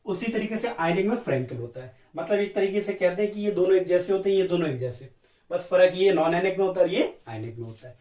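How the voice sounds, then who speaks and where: A high-pitched man lectures on chemistry, posing questions and then answering them in the students' place, repeating each key term like a call and response. His voice sits back from the mic in a roomy, echoing space. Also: far from the mic. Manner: calls listeners beta and sir. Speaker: chemistry teacher. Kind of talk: classroom lecture. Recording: echoey room, voice from off-mic.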